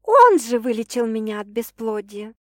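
A woman's voice: big pitch swings, moderate pace, no room sound, clean studio sound. A woman voicing a young pregnant bride-to-be in an audiobook, nervous but cheerful. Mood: teasing. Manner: bright, higher girlish delivery.

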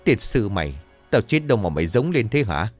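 A man voicing a scrawny small-time male gang boss who talks rough and curses, with a melodramatic streak. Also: on the low side, big pitch swings, brisk, faint music behind. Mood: angry.

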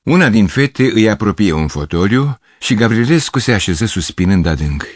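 A man narrating a literary story as an audiobook, measured and expressive. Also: fairly low pitch, no room sound, studio quality. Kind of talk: audiobook reading.

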